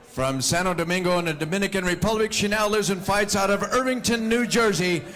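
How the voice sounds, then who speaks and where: A man working as a boxing ring announcer, formally introducing fighters with theatrical, drawn-out delivery at a live event. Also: sits high, a bit bright.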